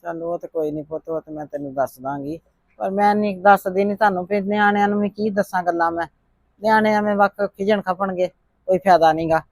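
A man playing a gentle, meek elderly grandmother who talks softly and resignedly, fearing any quarrel. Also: high-pitched, fairly even intonation, brisk, dry recording, lightly acted. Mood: worried. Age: older. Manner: soft-spoken, resigned complaining. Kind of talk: family drama vlog acting.

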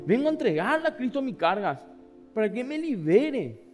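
High-voiced pastor, passionate sermon. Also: male voice, sing-song, moderate pace, soft background music. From Paraguay. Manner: passionate preaching with sudden shouts and hushed asides; acts out voices of the people in the story.

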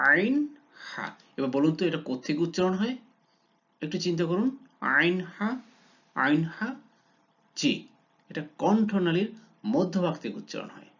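Coaxing male teacher drilling letter sounds. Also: fairly high pitch. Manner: coaxing, repeats letters slowly and asks learners to try. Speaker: Quran reading teacher. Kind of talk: online lesson on Arabic letter pronunciation. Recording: dull lo-fi recording.

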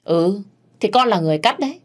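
A woman's voice: medium pitch, lively intonation, a little fast, voice pushed up, lightly acted. Woman doing a blunt defiant young wife. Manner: sharp and defiant.

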